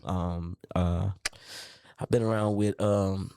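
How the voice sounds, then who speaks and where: A man in his late thirties, an R&B singer, telling his story in a relaxed interview with lots of fillers and restarts. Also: low voice, slow pace, vocal fry, smooth, dry recording, studio quality. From Milwaukee, raised in Baltimore. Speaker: R&B singer, guest. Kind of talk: casual interview chat. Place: radio studio.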